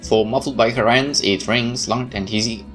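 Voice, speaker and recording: During a let's play, a game streamer reads the game's story text aloud and adds casual asides. His medium-pitched voice is steady, moderately paced, and a bit bright, with game music in the background.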